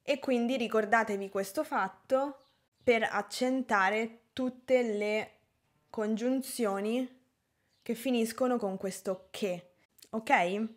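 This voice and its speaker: Slow, careful Italian teacher woman. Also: on the high side. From Italy. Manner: careful, deliberate pronunciation of example words. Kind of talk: slow, clear language lesson.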